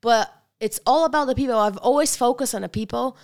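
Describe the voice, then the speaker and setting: A woman's voice: a little high, a little fast. A woman from Bulgaria, talking as a guest in a casual interview, reflective and earnest, often restarting her sentences.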